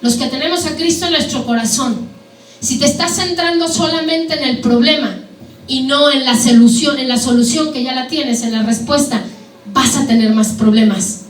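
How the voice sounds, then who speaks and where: Woman preacher, high voice, echoey hall, sermon with questions to the congregation. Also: moderate pace. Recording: echoey hall, mic at a distance, faint background noise.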